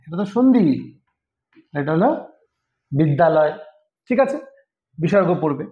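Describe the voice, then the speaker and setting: Male tutor, higher-pitched voice, patient step-by-step explainer, recorded in a reverberant room. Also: lively intonation, a little slow, narrow, tinny audio. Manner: explains step by step, often checks understanding. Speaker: Sanskrit teacher for exam preparation. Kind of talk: online lesson. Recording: roomy echo.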